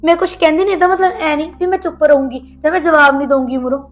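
A woman's voice: high-pitched, steady tone, racing, soft background music, natural voice. A woman playing an aggrieved young wife who complains about her sister-in-law. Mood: indignant. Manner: complaining, indignant. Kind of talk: Punjabi family sketch acting.

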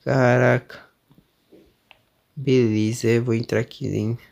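A young man with a Brazilian accent narrates his way through a horror game. He sounds jumpy and nervous, with frequent startled exclamations. His voice sits in an ordinary middle pitch. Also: level tone, slow, vocal fry, darkish tone. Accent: Brazilian Portuguese. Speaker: gamer streamer. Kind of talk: let's play commentary.

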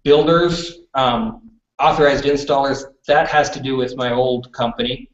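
A man's voice: medium pitch, fairly even intonation, a little slow. A man from western Canada leading a live classroom presentation in front of an audience. He talks in a chatty way and keeps checking in with "okay?". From British Columbia, Canada. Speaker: workshop presenter. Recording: roomy, distant, dull room recording.

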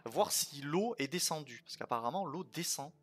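A man's voice: on the high side, expressive, normal speed, breathy edge. A man streaming a video game, chatting casually and thinking aloud with lots of fillers and playful jokey asides. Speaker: let's play streamer. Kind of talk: casual gameplay commentary.

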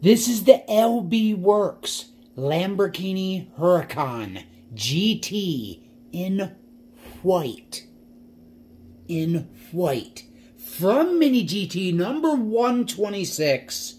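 Man, diecast vlog host, unhurried delivery, very lively swoops in pitch, gushing and repetitive. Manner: excited, repeats phrases, gushing; pitch leaps up when thrilled. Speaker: diecast collector vlogger. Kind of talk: casual product showcase.

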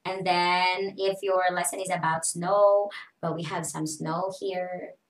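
A woman's voice: lowish voice, flat delivery, slow. A young woman with a Filipino accent, an online English teacher giving a casual, chatty tutorial in English and Tagalog. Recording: echoey room.

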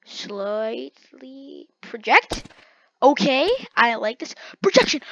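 A woman's voice: on the high side, expressive, normal speed, a bit bright. A young woman giving live gameplay commentary, talking to herself dramatically with slang and lots of repeated words. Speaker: gaming creator. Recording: dull lo-fi dry mic.

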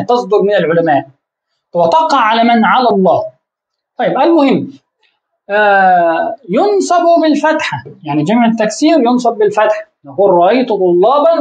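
A woman teaching an Arabic grammar lesson, often pausing to quiz her listeners with rhetorical questions and repeating words while she searches for the next one. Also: medium pitch, darkish tone, dull audio. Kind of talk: classroom-style grammar lesson.

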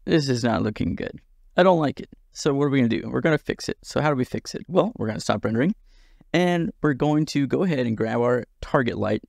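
Gravelly man talking through a tutorial. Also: medium pitch, a little mellow, no room sound, clean studio sound. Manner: chatty, self-deprecating, thinks aloud. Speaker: software tutorial instructor. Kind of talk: casual screen-recorded tutorial.

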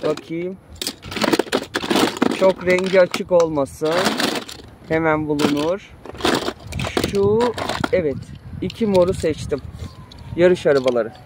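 A mother in her thirties films her kids playing in an outdoor backyard play area on a handheld phone, narrating a casual family vlog in a playful, coaxing way and laughing often. Her voice is lowish and slow, with frequent pauses, over a noisy background.

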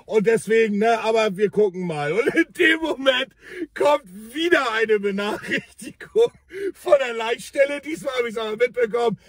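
A man's voice: extremely high pitch, normal speed, dry recording, studio quality, recorded from a distance. A man, a paramedic, animatedly telling a story about a call-out and acting out the dialogue. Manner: animated, exasperated, acts out the dialogue. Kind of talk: storytelling vlog.

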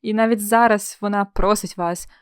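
A woman's voice: mid-range voice, fairly even intonation, normal speed, smooth, no room sound. Young woman teaching spelling, dry sound. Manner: friendly explaining, playful comparisons, rhetorical questions. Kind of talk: exam-prep spelling lesson.

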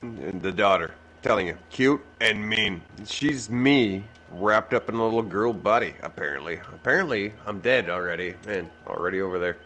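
A man chatting over a game with friends, crude and teasing, his pitch swinging widely as he talks. A faint hiss of noise sits under his voice. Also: expressive, normal speed, few pauses, bright, forceful tone. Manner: crude, teasing, laughs often. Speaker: streamer playing the killer. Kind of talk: casual gaming chat.

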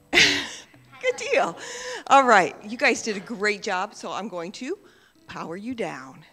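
A woman's voice: medium pitch, sing-song, slow pace. A woman leading a playful children's message in church, talking to the kids and asking them questions. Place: church sanctuary. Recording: reverberant church hall.

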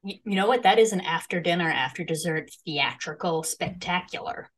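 Fast-talking, joking woman player. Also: lowish voice. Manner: quick, animated, joking. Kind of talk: casual chat during a tabletop game.

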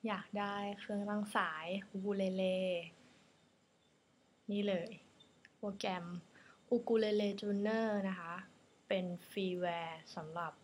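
A woman's voice: mid-range voice, fairly even intonation, takes it slowly, pauses often, a little mellow, slight background noise. A woman giving a casual, polite tutorial on a ukulele tuner app, chatty and correcting herself as she goes. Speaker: ukulele teacher.

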